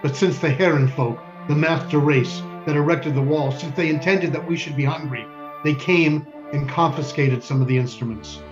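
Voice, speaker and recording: A community theater actor, his voice natural and a little high for a man, gives a solemn narration as a grieving wartime father. He phrases deliberately and heavily, pausing often, tender yet stern, and the mood turns solemn and bitter. The slightly muffled lo-fi audio sounds dull, with music underneath.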